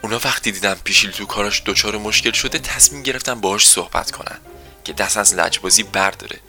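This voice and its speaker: A man narrates a children's story in a gentle, storytelling way. His voice is strikingly bright and forceful. Soft music plays faintly underneath. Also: on the low side.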